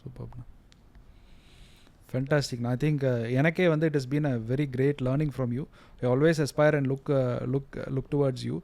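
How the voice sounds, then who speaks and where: A man's voice: mid-range voice, fairly even intonation, racing, creaky, a little mellow, no echo. A man with a Tamil Indian accent conducting a conversational interview in a deferential, effusive and agreeable manner.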